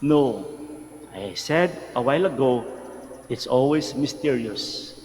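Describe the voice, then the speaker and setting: A man with a Filipino accent, a priest reading the gospel and preaching a slow, earnest homily at Mass in a large church with a church hall echo. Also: mid-range voice, animated, a little mellow. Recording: long reverb of a large church.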